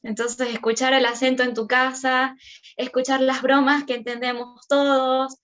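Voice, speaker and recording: High-voiced Venezuelan woman, storytelling. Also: normal speed. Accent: Venezuelan Andean Spanish. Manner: animated, acts out her own and her child's words with sudden rises. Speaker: interviewee, immigrant mother. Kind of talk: emotional personal storytelling. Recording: muffled lo-fi recording.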